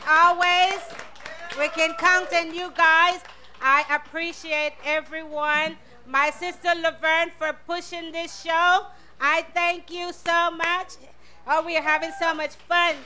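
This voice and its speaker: A woman's voice: very high voice, pushed and bright. A woman hosting a live community radio talk show, thanking sponsors and welcoming guests to an audience.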